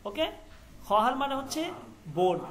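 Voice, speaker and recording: High-voiced man teaching vocabulary slowly. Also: animated, a bit bright. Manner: breaks words into syllables, repeats them slowly, checks understanding. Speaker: Farsi language teacher. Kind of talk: classroom lesson.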